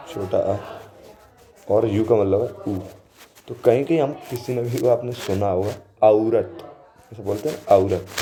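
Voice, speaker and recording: A man gives a recorded screen lecture to his students. His voice sits low and sounds dark and mellow. He stops often to ask whether they follow, over a faint hiss of background noise. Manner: explanatory, checks in often with "okay?". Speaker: English teacher.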